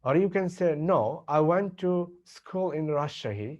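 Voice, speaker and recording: A man with a Bangladeshi accent teaching English, slowly repeating example questions and answers. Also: sits high, big pitch swings, highs cut off. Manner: slow, deliberate repetition of example sentences. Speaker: English tutor. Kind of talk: language lesson with model dialogues.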